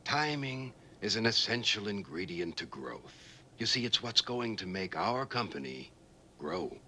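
Domineering middle-aged boss, low forceful voice, swooping delivery, condescending, slightly noisy film sound. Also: male voice, sing-song, unhurried, heavily acted. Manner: condescending, lecturing. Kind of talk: film comedy acting.

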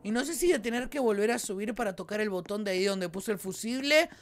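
High-voiced, excitable Argentine young man. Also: quick pace. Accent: Rioplatense Argentine Spanish. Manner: excitable, shrieks and yells when startled, talks to viewers. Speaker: gaming YouTuber. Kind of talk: live gameplay commentary.

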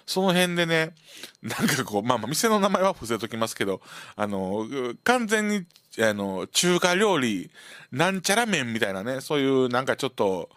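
A man's voice: mid-range voice, no echo, clean studio sound. A man with a Kansai accent hosting a radio show, telling a casual story and acting it out with sound effects. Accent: Kansai Japanese. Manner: animated, full of sound effects and acted-out voices. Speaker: radio host. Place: community radio studio.

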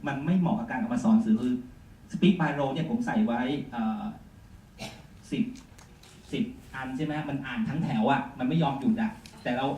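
A man's voice: medium pitch, normal speed, long pauses, warm tone. Man teaching in an echoey room. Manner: chatty, full of polite particles. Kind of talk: software demonstration lesson. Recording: echoey room, mic far off, faint noise.

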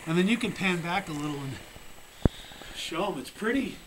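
A man casually demonstrating a homemade prototype, talking in halting bits with fillers and restarts. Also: high voice, lively intonation, noisy background. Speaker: hobby builder demonstrating a prototype. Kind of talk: casual home-video demo. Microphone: handheld camera mic.

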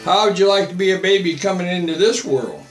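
A man's voice: sits high, quick pace, echoey room, soft background music. An older man, a missionary, hosting a home livestream, answering viewer comments in a blunt, repetitive way from a small home office. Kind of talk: livestream preaching and chat. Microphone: webcam at desk.

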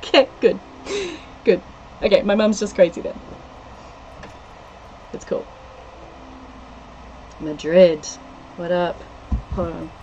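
Speaking slowly with frequent pauses, this New Zealand woman in her thirties has a lowish, darkish voice, and the audio is dull with slight background noise. Indoors in a small room on a headset, she chats casually on a game livestream, giggling often as she reads viewer comments and lists place names from chat.

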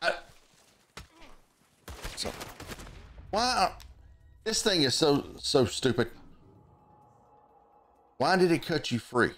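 A man's voice: on the high side, big pitch swings, drawn-out words, long pauses, a bit bright, faint music behind. A man streaming a video game, chatting casually with friends and swearing freely as he grumbles at the game. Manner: chats with friends between gameplay. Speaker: gaming streamer. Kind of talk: casual let's-play commentary.

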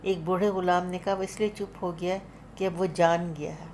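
Low-voiced woman narrating a literary story. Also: steady tone, normal speed, a little mellow, a little hiss or hum. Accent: Pakistani Urdu. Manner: dramatic, voices the characters' cries with rising force. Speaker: audiobook narrator.

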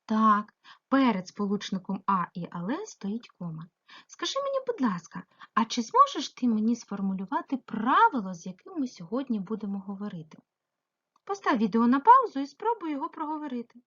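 A female primary school teacher giving a remote grammar lesson, asking the pupil questions and answering them herself, stretching example words slowly. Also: fairly high pitch, big pitch swings, fairly bright tone, breathy edge, muffled recording. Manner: slow, sing-song emphasis on example words; addresses the pupil directly, asks and answers herself.

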